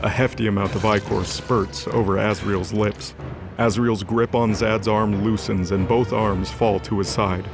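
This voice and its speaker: In an unhurried, fairly low voice with mostly even intonation, a man reads the scripted action of a fantasy audio drama. His delivery is dramatic and story-like, and music plays clearly underneath.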